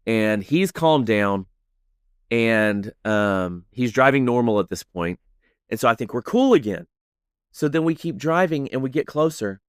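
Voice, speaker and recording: A man hosting a podcast, telling a story in an animated way with lots of "like"s. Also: medium pitch, a little slow, smooth, dry recording, clean studio sound. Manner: animated, many "like"s, acts out voices.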